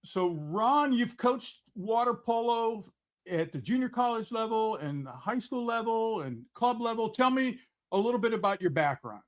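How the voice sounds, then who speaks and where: A man hosting an interview, introducing his guest and asking brisk, direct questions. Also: extremely high pitch, big pitch swings, faint music behind. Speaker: host.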